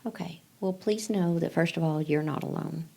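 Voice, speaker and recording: A woman, a pregnancy client advocate answering interview questions in a gentle, reassuring way, repeating key phrases. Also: sits low, moderate pace, creaky, a little hiss or hum. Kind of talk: interview answers, counseling talk.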